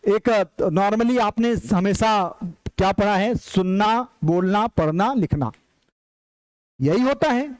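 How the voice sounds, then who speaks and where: A man's voice: high-pitched, slow pace, a little mellow, smooth, no echo, low-quality recording. A man teaching an exam-prep lecture, emphatic and repetitive, calling his viewers brothers as he drills key points. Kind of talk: online lecture.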